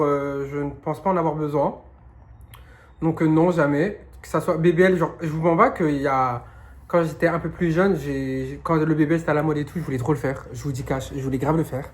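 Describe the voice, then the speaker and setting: A young man with a slightly high voice answers viewer questions in a relaxed vlog. He talks frankly and loosely, with lots of slang and fillers. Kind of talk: casual Q&A vlog. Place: indoors, sitting on his knees.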